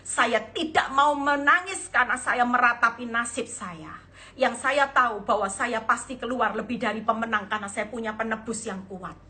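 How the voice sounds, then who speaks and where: Preaching a sermon on Instagram live through her phone, a female evangelist speaks emphatically, acts out dialogue and calls her listeners saudara. Her voice is fairly high, bright and pushed, at normal speed.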